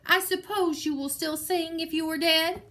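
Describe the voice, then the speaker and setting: A woman's voice: high voice, lively intonation, a little slow, bright, forceful tone, pitched above the performer's own voice, full character voice. Woman playing a grumpy scolding mayor. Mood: exasperated. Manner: snapping, scolding, exasperated. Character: grumpy bossy male village mayor, threatening. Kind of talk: reading a picture book aloud.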